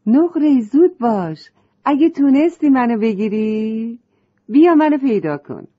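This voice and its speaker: A woman voicing a cheerful little playful butterfly in a children's storybook, with high, lively calls. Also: breathy edge, dull audio.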